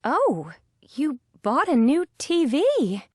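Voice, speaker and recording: A woman on a textbook recording reading example sentences with clear enunciation. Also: sits high, wildly swooping pitch, drawn-out words, a little mellow, no room sound, studio quality. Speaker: speaker on a textbook audio.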